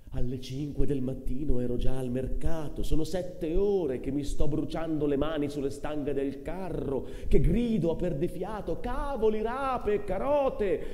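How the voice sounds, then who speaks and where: An actor voicing a worn-out old street vendor, choked and pleading. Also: male voice, fairly high pitch, mellow. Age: 60s. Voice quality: choked, strangled cries. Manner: pleading, rising to anguished outbursts. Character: weary old male street vendor, desperate. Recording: reverberant hall with cello music.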